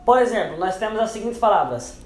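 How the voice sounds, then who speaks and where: This English pronunciation lesson comes from a man who speaks a little fast and sounds animated, with reverb and slight background noise. He explains each rule patiently and repeats the example words several times, lowering his voice for them.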